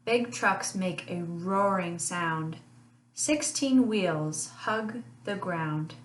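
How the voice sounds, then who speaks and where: A woman teacher reading a rhyming children's picture book aloud in a slow, sing-song way, with lively honks. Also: fairly low pitch. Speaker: family literacy teacher. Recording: echoey room, voice a bit far from mic.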